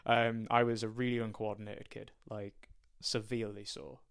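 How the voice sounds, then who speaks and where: A young man from County Durham, England, a strength and conditioning coach, appears as a guest in a casual podcast interview. His lowish, smooth voice has little pitch movement and a moderate pace. He hesitates through his background with many ums and restarts.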